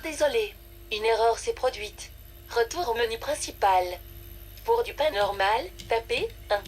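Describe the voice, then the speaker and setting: Brief: woman as a stiff, polite ordering robot that keeps glitching, fairly high voice, faint hiss behind. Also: measured pace, close to an everyday voice. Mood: prim robotic. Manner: prim robotic menu prompts, wanders off script. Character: glitchy female sandwich-ordering voice machine. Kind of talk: comedy sketch parody of a voice menu.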